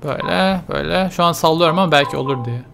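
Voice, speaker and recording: A man's voice: on the high side, fast talker, vocal fry, background noise. A man commentating a horror video game, nervous and muttering to himself as he plays. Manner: jittery, mutters to himself while playing. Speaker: let's play gamer.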